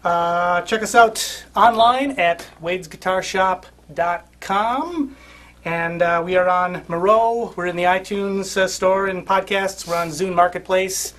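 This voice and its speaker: A man's voice: high voice, takes it slowly, a bit bright. Chatty Midwestern man hosting a podcast. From Midwest United States. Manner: chatty, laughing, full of fillers. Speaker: host, guitar shop owner. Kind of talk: casual podcast chat.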